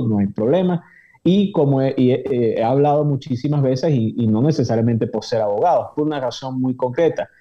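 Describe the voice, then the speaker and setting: Dark-voiced male lawyer explaining calmly. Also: mid-range voice. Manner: measured, explanatory, frequent "eh" fillers. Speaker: immigration lawyer, guest. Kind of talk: explanatory interview answers. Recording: dull lo-fi audio.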